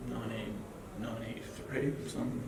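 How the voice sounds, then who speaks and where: A man's voice: medium pitch, little pitch movement, brisk. A young man in his twenties, a guest in a casual interview, rambling with lots of fillers and swearing. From Australia. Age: 20s. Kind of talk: casual chat. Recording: echoey, distant, noisy ambience.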